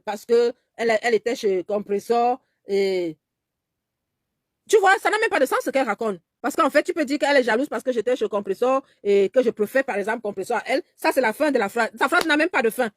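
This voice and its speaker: Indignant woman with a higher voice. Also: dry recording, clean studio sound. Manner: indignant, insistent, repeats phrases; mimics the other woman's pleading voice. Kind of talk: angry personal video monologue.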